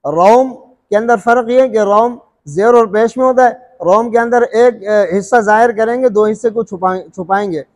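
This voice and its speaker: A man teaching rules of Quran recitation, explaining calmly and drawing out recited words slowly, often asking if it is understood. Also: sits high, long reverb tail. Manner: slow drawn-out recited examples between explanations; checks understanding with questions.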